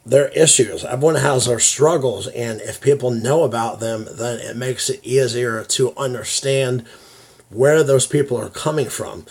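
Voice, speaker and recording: American guy vlogging, slow halting speech, dysphonia, works hard to get words out, confiding and casual. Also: medium pitch, a little mellow, slightly rough. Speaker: YouTube vlogger. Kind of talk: confiding casual talk to viewers.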